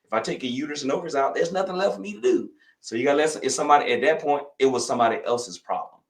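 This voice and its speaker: A man's voice: on the high side, very fast, roomy sound, poor audio. A man in his fifties from Louisiana with a Southern accent, a physician talking as a guest in a casual interview, folksy and rambling, often repeating himself. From Louisiana, USA. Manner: folksy, rambling, with frequent repetitions.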